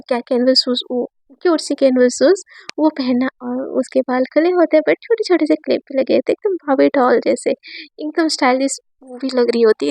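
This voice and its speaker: A woman's voice: high voice, creaky, darkish tone, no echo. A young woman narrating a story in a chatty, rambling way, with frequent restarts.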